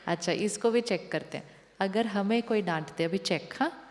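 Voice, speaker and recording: A woman's voice: mid-range voice, lively intonation, unhurried, a little mellow. A woman giving a spiritual discourse to an audience as a teacher, repeating rhetorical questions to them. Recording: long hall reverb.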